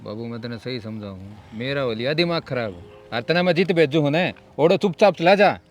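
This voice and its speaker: A man's voice: medium pitch, expressive, a little fast, soft background music, lightly acted. A young man playing a fed-up grown son who scolds and pleads in a Haryanvi accent, in a comedy drama. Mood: exasperated. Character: exasperated grown son scolding his drunkard father.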